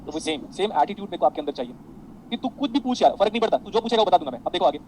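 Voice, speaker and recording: A man teaching a classroom lecture, animated, mixing explanations with anecdotes for his students. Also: high voice, rapid-fire, a little hiss or hum, poor audio. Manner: animated, addresses students as beta, tells anecdotes.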